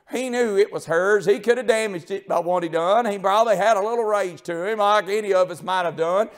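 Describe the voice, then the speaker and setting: A man preaching a sermon in a church, swinging from shouted, tearful peaks to a low, confiding storytelling tone with plenty of fillers. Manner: rises into shouted, tearful crescendos, then drops to a low confiding tone; homespun storytelling with many fillers. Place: church sanctuary.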